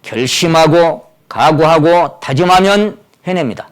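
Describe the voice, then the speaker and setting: A male pastor preaching a sermon dramatically, swinging from loud exclamations down to near-whispers. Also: on the high side, unhurried.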